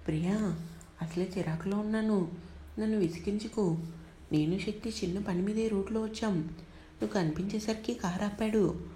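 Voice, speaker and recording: A woman's voice: mid-range voice, steady tone, normal speed, pauses often, mellow, natural voice. A woman voicing a short-tempered young man who scolds rudely, in a story reading. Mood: angry. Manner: scolding, rude. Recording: echoey room, faint hiss.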